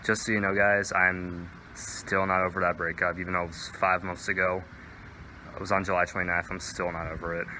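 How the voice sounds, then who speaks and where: A man's voice: sits low, little pitch movement, brisk, pushed and bright, slight background noise. A teenage male vlogger chatting casually and in a rambling way, with lots of "like", while walking outdoors in a park. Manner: rambling, filler-heavy with "like". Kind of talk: casual outdoor vlog chat.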